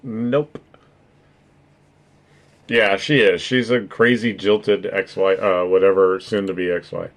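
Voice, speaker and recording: Adult man, lowish voice, profane rambling streamer commentary. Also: flat delivery, a little slow, hardly any pauses. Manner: rambling, profane, keeps adding "right?". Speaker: streamer reacting to videos. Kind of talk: casual reaction commentary.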